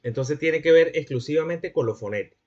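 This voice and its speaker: A man's voice: fairly high pitch, brisk, a little mellow, muffled recording. A man giving a classroom lecture, explaining points and checking that students follow.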